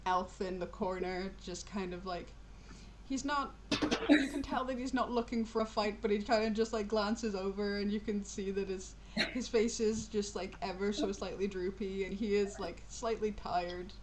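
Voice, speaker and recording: Brief: easygoing woman game master, mid pitch, loose rambling narration, audible hiss. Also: moderate pace. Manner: relaxed, filler-heavy storytelling.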